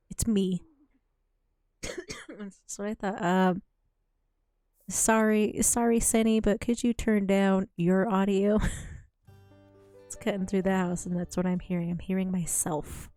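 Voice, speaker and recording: A woman streams a game from home, talking in a loose, rambling way and laughing often between thoughts. Her voice is mid-pitched and sits on a dry, close desk mic. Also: fairly even intonation, measured pace, long pauses, warm tone, no room sound. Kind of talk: casual gameplay commentary. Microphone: desk microphone with headphones.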